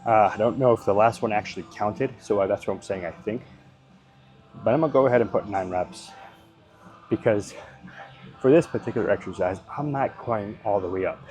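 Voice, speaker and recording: Male fitness vlogger, low voice, loose unscripted talk over soft background music. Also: brisk. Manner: rambling, thinks aloud, hedges and swears casually. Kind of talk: casual workout commentary.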